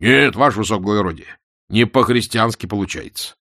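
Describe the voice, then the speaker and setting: A man voicing a loud, eager, deferential former policeman who barks his words. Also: on the low side, fairly quick, dry recording, clean studio sound. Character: loud loyal older male ex-policeman.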